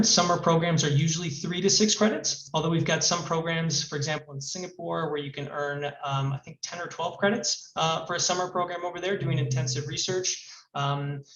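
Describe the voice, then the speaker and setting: A man's voice: fairly high pitch, fairly bright tone. A man working as a study abroad advisor, giving a webinar presentation with many fillers; his voice sounds hollow and boxy, as if inside a fishbowl. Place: new room with a hard echo. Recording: echoey, distant, muffled mic.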